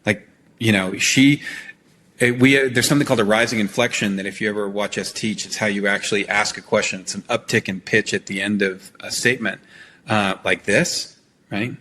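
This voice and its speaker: A middle-aged man, a trial consultant and longtime actor, answering interview questions in an animated coaching tone and often checking in with "right?". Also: lowish voice, a little fast, slight background noise.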